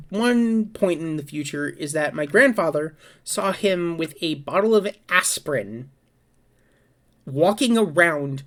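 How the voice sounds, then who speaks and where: A woman with a fairly low voice chats on her own in a casual vlog. She rambles and goes off on tangents, corrects herself mid-sentence, and swears now and then. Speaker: vlogger. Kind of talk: casual solo chat and storytelling.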